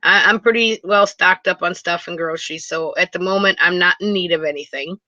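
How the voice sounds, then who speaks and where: A woman from Wisconsin chatting live with viewers from inside her motor home. She rambles and restarts often and gets excited easily. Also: lowish voice, brisk, dry recording, dull audio. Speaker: live stream host. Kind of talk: casual live chat with viewers. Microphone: computer mic for a video hangout.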